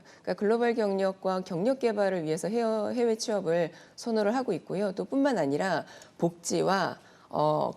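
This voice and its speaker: A woman with a lowish, dark voice appears as an expert guest on a news segment. She explains matters politely and point by point, in a prepared and organized manner.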